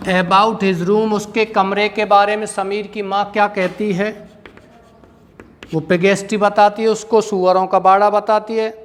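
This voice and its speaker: A man teaching with an Indian accent, dictating answers slowly word by word and explaining in quick asides. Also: high-pitched, little pitch movement, long reverb tail. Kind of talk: dictating classroom answers, Hindi and English mixed. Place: school classroom.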